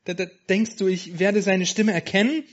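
A man's voice: on the high side, animated, slow pace. A man voicing a timid, frightened young female sheep who stammers anxiously in a storybook reading. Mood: fearful. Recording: dull lo-fi sound.

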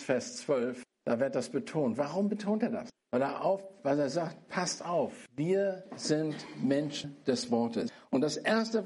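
A man's voice: a little high, darkish tone, husky. A middle-aged man preaching a sermon on a Bible passage, earnest and repeating phrases for emphasis.

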